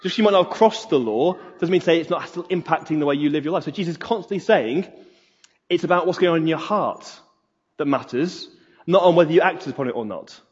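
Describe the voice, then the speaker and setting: A man's voice: a little high, quick pace, a little mellow, husky. A man preaching a sermon in an earnest way, repeating key phrases for emphasis. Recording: reverberant hall, dull lo-fi sound.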